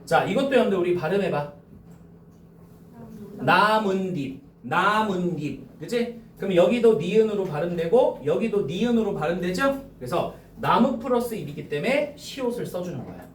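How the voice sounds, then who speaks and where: A male high school teacher lecturing to a class, slowly dictating key points and often checking whether students follow. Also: lively intonation, darkish tone, reverberant, far from the mic, a little hiss or hum.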